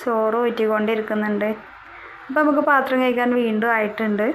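A woman's voice: a little high, fairly even intonation, fast, slight background noise, rough recording. A young woman, narrating her household chores in a casual, chatty voice-over and often tagging a word onto the end of her sentences. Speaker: vlogger.

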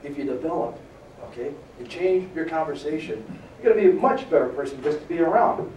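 A middle-aged man gives a motivational fitness seminar to a live audience. He is energetic and keeps checking in with the crowd. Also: on the high side, brisk, a little hiss or hum. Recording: echoey room, distant mic.

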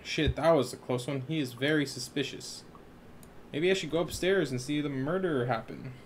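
A young man streaming horror games, joking, swearing and yelling in reaction to scares. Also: fairly high pitch, normal speed, a little hiss or hum. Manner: jokey, jumpy, swears, yells at scares. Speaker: gaming streamer. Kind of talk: casual horror game commentary.

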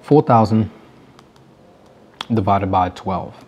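Young male vlogger, lowish voice, wry casual commentary while eating cereal. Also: slow, a little mellow, slight background noise. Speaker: YouTuber.

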